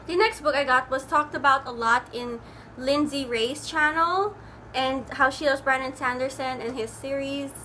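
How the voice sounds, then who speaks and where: A woman's voice: sits high, normal speed, bright, forceful tone. A young woman, chatting casually on her video, rambling with lots of likes and ums. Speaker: book vlogger. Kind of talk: casual chat. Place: room at home with air conditioning on. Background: air conditioner hum.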